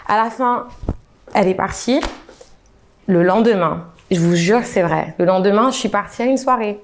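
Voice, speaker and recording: A young adult woman casually telling a personal story to camera, in an animated way that acts out the dialogue. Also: mid-range voice, a little fast, a little hiss or hum.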